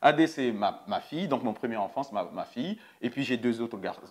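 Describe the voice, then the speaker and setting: A man's voice: medium pitch, expressive, fairly quick. Hesitant middle-aged man, casual chat. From Republic of the Congo. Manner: hesitant, many fillers and repeats. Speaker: nurse and co-host.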